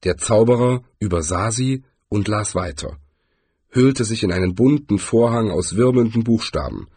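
A man narrating an audiobook in a measured storytelling manner. His voice sits low with a husky edge, and the recording is dry and close. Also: darkish tone, dry recording. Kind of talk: scripted narration.

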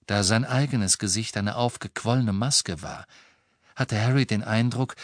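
A man narrating an audiobook in a measured, expressive storytelling manner. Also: lowish voice, dry recording, studio quality.

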